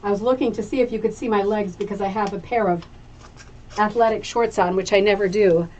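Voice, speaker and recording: A woman's voice: medium pitch, fairly even intonation, brisk, a little mellow, slight background noise, low-quality recording. A woman hosting a craft show in a casual, chatty way, gushing and rambling, often repeating phrases for emphasis. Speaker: craft show host presenting viewers' hooked rugs.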